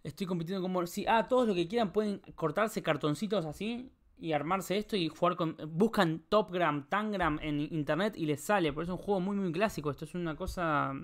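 Joking Rioplatense streamer, slightly high voice. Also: male voice. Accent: Rioplatense Spanish. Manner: rambling, joking, swears a lot, talks to chat. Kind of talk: casual live-stream chat while solving a puzzle.

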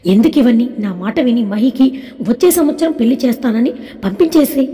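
Lady doing a strict middle-aged dad, curt, scolding, mellow, echoey. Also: fairly high pitch, lively intonation, fairly quick, close to an everyday voice. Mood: irritated. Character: stern middle-aged father, irritated. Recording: echoey room with long reverb.

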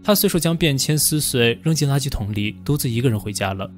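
A man narrating a film recap in a steady, scripted storytelling voice. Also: medium pitch, fast, soft background music.

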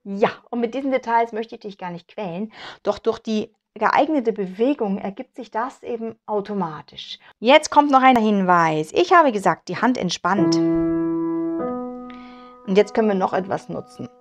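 A woman's voice: mid-range voice, expressive, moderate pace. A woman with a German accent teaching piano, patiently explaining and demonstrating at the keyboard. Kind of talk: piano tutorial instruction. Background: piano playing.

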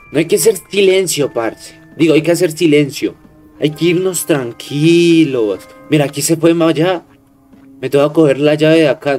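A young man with a Colombian accent, commenting on a horror game he plays, jumping at scares, swearing and hushing himself. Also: fairly high pitch. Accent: Colombian Spanish. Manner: jumpy, yelps and swears at scares, hushes himself. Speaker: gaming streamer.

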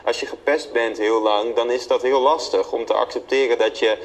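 A man's voice: medium pitch, fairly even intonation, moderate pace, poor audio. Young man, modest, hesitant. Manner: modest, hesitant with many fillers and short agreements. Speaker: guest singer. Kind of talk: casual interview.

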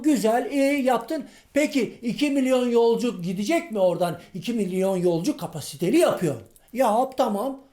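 A man's voice: extremely high pitch, darkish tone. A male comedian playing a grumbling, irritable middle-aged man on the street in a comic monologue sketch, ranting in folksy slang and firing off rhetorical questions.

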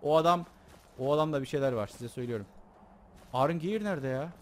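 A young man casually commenting on his own gameplay, joking and excitable, talking to his viewers. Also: fairly high pitch, fast talker, a little hiss or hum. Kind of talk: casual let's play commentary.

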